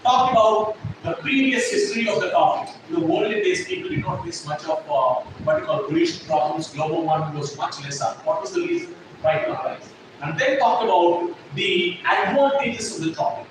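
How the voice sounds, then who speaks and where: A trainer addresses his class in a high voice with big pitch swings, talking fairly quickly with few pauses. Emphatic and repetitive, he checks on whether everyone follows. Distant miking in an echoey classroom leaves the sound noisy.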